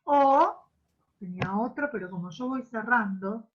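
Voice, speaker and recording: Argentine woman teacher with a higher voice, animated; muffled, lo-fi audio. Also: measured pace, slight background noise. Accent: Argentine Spanish. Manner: animated, exaggerates syllables for demonstration. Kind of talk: online class lecture.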